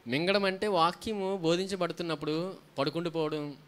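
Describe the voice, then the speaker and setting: A man's voice: a little high, fairly even intonation, a little fast, fairly bright tone, slight background noise. A man preaching a sermon as a pastor, often asking the congregation questions and answering them himself, with frequent hallelujahs. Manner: frequent hallelujahs between points.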